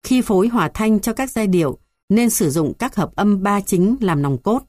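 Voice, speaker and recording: A woman reading a music theory textbook aloud in an even, measured way, going through numbered points. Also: medium pitch, dry recording, studio quality. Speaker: textbook reader.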